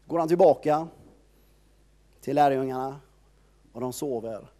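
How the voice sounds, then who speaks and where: A man's voice: medium pitch, warm tone. A man preaching an informal sermon, retelling a Bible story in a conversational storytelling way and leaning heavily on filler words.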